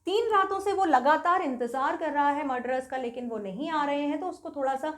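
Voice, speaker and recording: A young adult woman with an Indian accent, explaining a story step by step as a teacher and reading passages aloud slowly. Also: high-pitched, fairly bright tone. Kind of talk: bilingual literature lesson, explaining and reading aloud.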